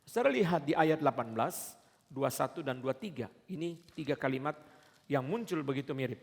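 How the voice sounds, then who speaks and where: A man preaching a sermon as pastor, emphatic, repeating key words and building to shouts. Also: on the high side, animated, fairly quick, vocal fry. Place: church sanctuary. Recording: echoey church hall.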